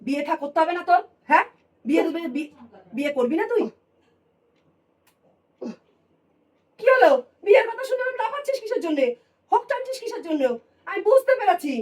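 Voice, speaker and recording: An actress playing a nagging elder aunt in a family drama, scolding and insistent about marriage. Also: female voice, extremely high pitch, recorded from a distance.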